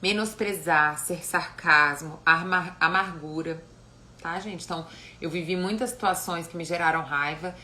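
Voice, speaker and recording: A woman psychologist gives an animated live-stream talk. She often ends phrases with tag questions. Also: lowish voice, measured pace. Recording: echoey room with faint noise.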